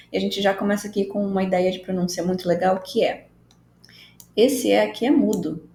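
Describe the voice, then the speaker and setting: A woman's voice: mid-range voice, warm tone. A woman, an English teacher giving an online language lesson, patient and explanatory, repeating key phrases to explain them. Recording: roomy echo, faint background noise.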